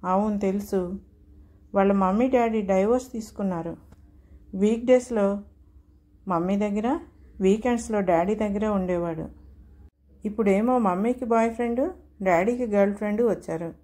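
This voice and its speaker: A woman's voice: medium pitch, normal speed, long pauses, warm tone, natural voice. A woman voicing a little boy who is tearful and worried about his parents. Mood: childlike tearful. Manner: sobbing childlike pleading.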